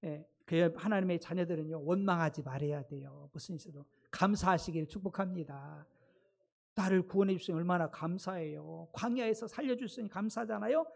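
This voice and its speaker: A woman's voice: lowish voice, a little fast, creaky, a little mellow. A woman pastor delivering a sermon, emphatic and speaking straight to her congregation. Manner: emphatic, addresses the congregation directly.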